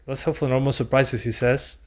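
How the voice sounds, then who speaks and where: A man's voice: mid-range voice, flat delivery, brisk. A man doing casual gameplay commentary as a streamer, chatting with his viewers as he plays. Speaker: game streamer.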